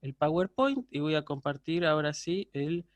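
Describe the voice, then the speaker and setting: Patient professor, dry close sound. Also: male voice, a little high, lively intonation, moderate pace, no echo. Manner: patient, checks in with frequent "¿sí?". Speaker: university Greek professor. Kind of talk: online lecture. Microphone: video call.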